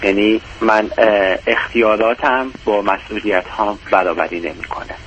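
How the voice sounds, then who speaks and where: A man's voice: lowish voice, steady tone, fairly bright tone. A man calling in over the phone, speaking politely and deferentially before handing the call to his wife. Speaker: caller. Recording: muffled phone line with faint hiss.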